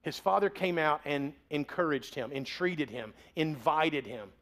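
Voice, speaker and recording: A man's voice: a little high, unhurried, fairly bright tone. A man in his forties preaching a sermon as pastor, in a conversational, joking way.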